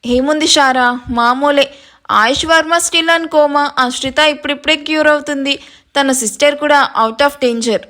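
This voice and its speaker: A woman voices a sly scheming woman in an audio story, smug and secretive about her plans. Her voice is high and sweetly smug. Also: unhurried, pushed and bright.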